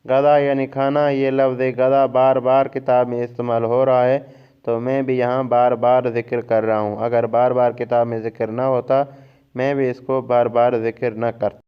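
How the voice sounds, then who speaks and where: A man with a Pakistani Urdu accent teaching a vocabulary lesson, repeating each word twice in a slow, drilling way. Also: mid-range voice, clear, resonant tone, lo-fi sound. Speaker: language teacher.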